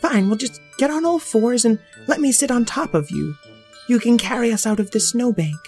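A woman's voice: on the high side, normal speed, darkish tone, faint music behind, pitched above the performer's own voice, close to an everyday voice. A woman voicing a small, childlike magic wand, fretful and pleading in a storybook reading.

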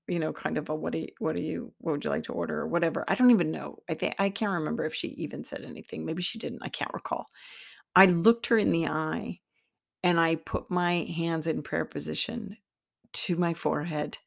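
A middle-aged woman telling a personal spiritual story in a reflective, halting way, with restarts. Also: low-pitched, steady tone, gravelly. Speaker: podcast host.

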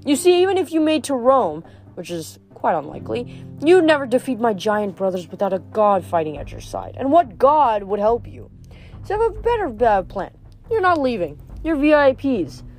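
A woman's voice: fairly high pitch, big pitch swings, moderate pace, darkish tone, faint music behind. A woman doing a gloating male sea god. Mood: taunting. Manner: mocking, sing-song showman.

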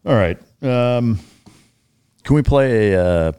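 A man's voice: mid-range voice, takes it slowly, a little mellow, clean tone. A man hosting a casual podcast interview, blunt and profane, often sounding incredulous. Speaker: podcast host.

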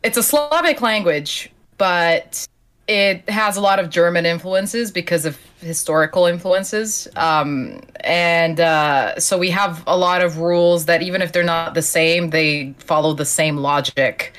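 Woman, native Slovenian speaker, podcast guest, casual talk, lowish voice. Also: a little slow, a bit bright. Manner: chatty, self-deprecating, with restarts. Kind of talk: casual chat. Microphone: video call.

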